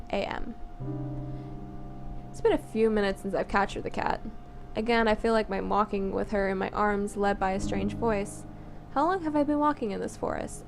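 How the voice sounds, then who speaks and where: With a creaky, mid-range voice, this nineteen-year-old let's player reads visual novel lines out loud, giggling, joking around, and drifting off into chatty tangents. The home recording is noisy.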